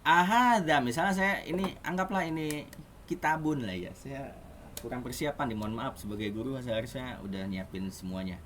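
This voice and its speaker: A man runs an online Arabic class in a relaxed, chatty style, frequently putting questions to his students. He speaks at a normal pace in a mid-range, slightly bright voice, with a little background noise.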